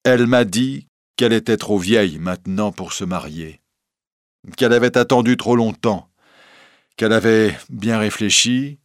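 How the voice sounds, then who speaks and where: A man's voice: fairly low pitch, no room sound, close to an everyday voice. Grieving elderly professor, subdued and sighing, read by a man, dry close sound. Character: grieving elderly male professor, weary and proud. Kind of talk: audiobook character reading.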